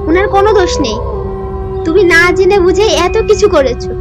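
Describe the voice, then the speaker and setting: A woman voicing a young female ghost in an animated horror story, pleading insistently to protect someone. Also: very high-pitched, brisk. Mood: urgent pleading. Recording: music behind the voice.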